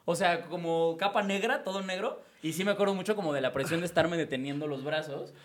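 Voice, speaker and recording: A young man with a Mexican accent talks quickly and in a slightly higher register. He rambles through a story with casual swearing and restarts, in a relaxed podcast chat. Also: slight background noise. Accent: Mexican Spanish. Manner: profane, rambling, restarts often. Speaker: podcast co-host.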